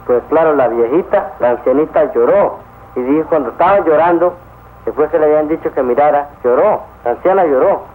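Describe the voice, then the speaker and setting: Halting man's testimony, tinny old film sound. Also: a little high, a little hiss or hum. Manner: halting, repeats words, indignant. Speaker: witness giving testimony. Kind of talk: spoken testimony.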